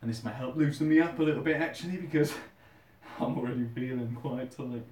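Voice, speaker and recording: A man's voice: mid-range voice, a little fast, a little mellow. Male British fitness vlogger, informal chat during push-ups, recorded at a distance in a roomy, echoing space. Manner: chatting while doing push-ups, exerting himself. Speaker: host of a fitness challenge video. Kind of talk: casual workout vlog chat. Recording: roomy echo, distant microphone.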